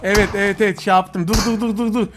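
A young man giving chatty live commentary on his own shooter game, teasing his opponents and flaring up with excitement during fights. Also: high-pitched, fast talker. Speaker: gaming streamer. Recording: faint game noise behind voice. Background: game gunfire.

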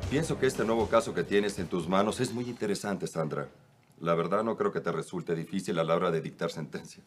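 An actor playing a gentle, concerned man. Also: deep voice, fairly quick, faint music behind, lightly acted. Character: concerned man comforting a colleague.

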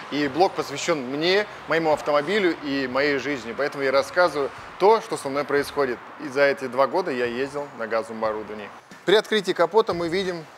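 Against a noisy background, a chatty car vlogger with a slightly high voice casually explains his car engine. He's in a car service garage, both indoors and outdoors near the car.

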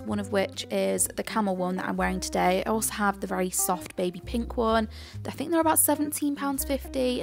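A woman's voice: medium pitch, creaky. A young woman vlogging in a chatty, gushing way, talking in her car and then over shopping clips. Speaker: lifestyle vlogger. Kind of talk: casual vlog chat and shopping voiceover.

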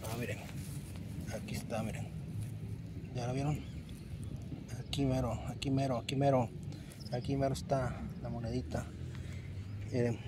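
A man's voice: medium pitch, level tone, moderate pace, long pauses. A man with a Mexican accent chatting to viewers as he searches with a metal detector outdoors beside a river, repeating himself as he points things out. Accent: Mexican Spanish. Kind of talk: casual narration to viewers while detecting. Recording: loud outdoor background noise. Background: loud outdoor ambience.

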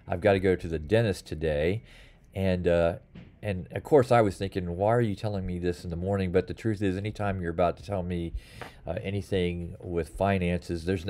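Seated at his desk in a small office lined with a bookshelf and blinds, a fifties-aged pastor rambles through informal church announcements, stumbling over fillers and restarting often. His voice is mellow and on the low side, captured in close framing by a webcam or phone.

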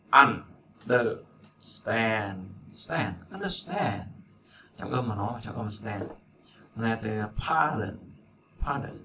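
Guy teaching english, chatty, repeats stuff a lot, kinda gravelly. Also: medium pitch, a bit bright, a little hiss or hum. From Vietnam. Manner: chatty, repeats words, asks learners if they follow. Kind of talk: casual spoken lesson.

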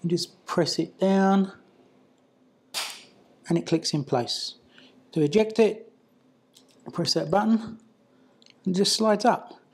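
Here the mid-range voice is husky and darkish, moving slowly with frequent pauses. It belongs to a product installer and reviewer who mutters while working through an informal hands-on installation tutorial.

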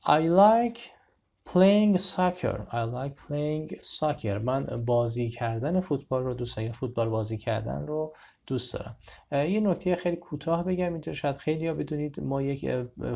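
A man gives a beginner English lesson, saying each example sentence slowly and clearly before explaining it in a conversational way. His voice is mid-range and mellow.

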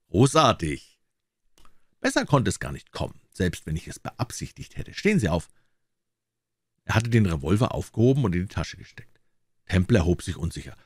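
Deep-voiced male storyteller. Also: husky, no room sound, studio quality. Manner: expressive storytelling. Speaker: audiobook reader. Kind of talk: audiobook narration.

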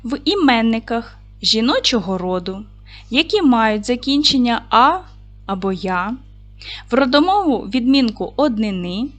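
A woman teaching a recorded video lesson to fourth graders, speaking clearly and deliberately and reciting short rhymes. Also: fairly high pitch, fairly bright tone. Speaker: primary school teacher.

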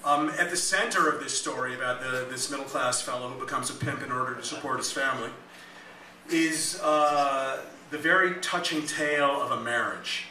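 A man reading his own novel aloud at a live club event, with dry, deadpan asides. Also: mid-range voice, normal speed, a little hiss or hum. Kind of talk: live comic fiction reading. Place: small music club. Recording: echoey club, mic at a distance.

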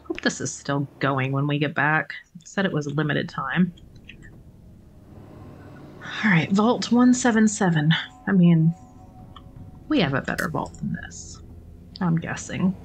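A woman's voice: low-pitched, normal speed, a little hiss or hum. A woman chatting casually and rambling while playing a video game, with self-mocking asides. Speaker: gaming streamer. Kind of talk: casual let's-play commentary. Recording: game music playing behind the voice.

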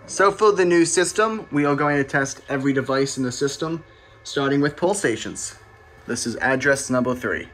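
A man with a mid-pitched voice narrates a hobbyist's walkthrough. He is casual, technical and matter-of-fact. The handheld phone recording carries faint noise. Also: expressive, moderate pace, fairly bright tone. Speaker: hobbyist demonstrator. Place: home garage and adjoining rooms, handheld camera.

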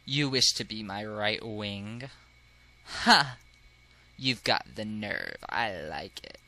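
A man's voice: on the low side, lively intonation, bright, forceful tone, voice pushed down, full character voice, rough recording. A man doing a pompous noble pigeon. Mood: haughty. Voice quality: pompous, slow and lofty. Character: haughty noble male pigeon, pompous and snobbish.

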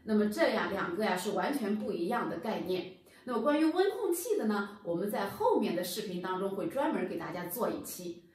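With big pitch swings and a darkish, mid-range voice, a woman in her thirties talks a little fast while patiently teaching home heating step by step on her HVAC channel. Addressing viewers from a plain room against a bare wall, she sounds distant in the very echoey space.

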